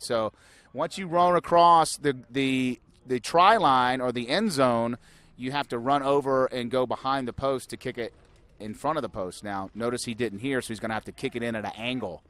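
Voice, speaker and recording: A man with a mid-range, fairly bright voice calls a youth rugby match at an outdoor field at a normal speed. As play-by-play commentator, he explains the rules and raises his voice on big plays.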